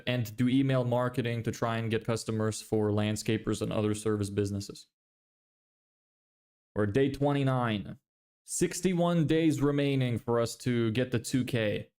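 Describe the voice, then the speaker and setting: Medium in pitch, darkish and clean in tone, this is the voice of a young Lithuanian livestreamer building a business. Sounding American in his English, he chats loosely, reads viewer comments, jokes about himself, swears casually and laughs often.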